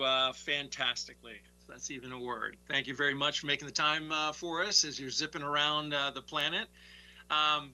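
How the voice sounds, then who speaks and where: A man conducts a live interview in a conversational way. His voice has a very sharp, forceful brightness at an average pitch, and his questions come out in halting pieces. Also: rough recording. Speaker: launch broadcast interviewer. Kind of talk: live interview over a space link.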